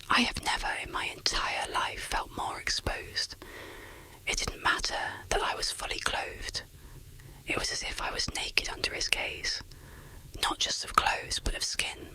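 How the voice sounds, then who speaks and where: In a whisper, someone narrates an ASMR horror story with deliberate, dramatic delivery. The tone is bright and forceful, and the recording is low quality.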